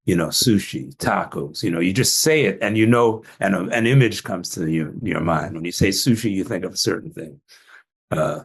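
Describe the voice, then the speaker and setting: An older man with a low, gravelly voice speaks with a husky edge. He is a doctor telling stories in a casual podcast chat and laughs often as he goes. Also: moderate pace. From Jamaican family, trained in Atlanta. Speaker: physician guest. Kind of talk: casual interview talk.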